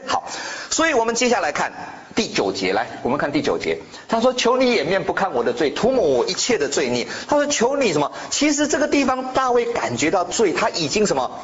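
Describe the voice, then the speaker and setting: A man preaching a sermon with lively rhetorical questions to the congregation, mixing in the odd English word. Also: high-pitched. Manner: mixes in English words. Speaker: pastor. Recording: slightly dull, faint room noise.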